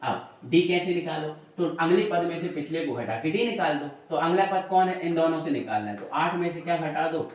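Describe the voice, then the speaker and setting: A man's voice: on the high side, animated, fairly quick, hardly any pauses, distant mic. Man teaching maths in a very echoey room. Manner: repeats prompts like "है ना" and "ठीक है" to check understanding; asks questions aloud and answers them himself. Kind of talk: chalkboard maths lesson.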